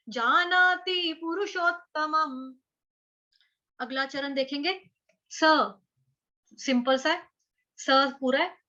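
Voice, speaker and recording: A woman teaching Sanskrit verse recitation in an online class, breaking words into syllables and repeating them slowly. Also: high voice, sharp tone, muffled recording. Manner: slow syllable-by-syllable chanting with repeated drills. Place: online class over video call.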